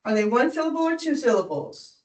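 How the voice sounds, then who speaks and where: A woman's voice: sits high, big pitch swings, brisk, reverberant, far from the mic, poor audio. A woman tutoring a student in phonics, patient and encouraging, often checking in with "right?". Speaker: reading tutor. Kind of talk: one-on-one phonics lesson.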